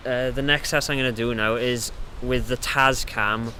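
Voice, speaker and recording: A man's voice: medium pitch, fairly even intonation, normal speed. A young man giving a casual, rambling, hesitant microphone test outdoors, with wind on the mic. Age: young adult. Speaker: audio gear reviewer. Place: outdoors in a windy garden. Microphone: shotgun mic or handheld recorder on a stand.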